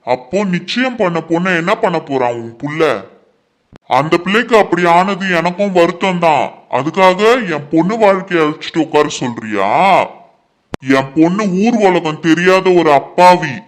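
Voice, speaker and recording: A man plays an angry middle-aged father of the bride with a raised voice. He is loud and indignant, and his pitch sits high for a man. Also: animated, normal speed, close to an everyday voice.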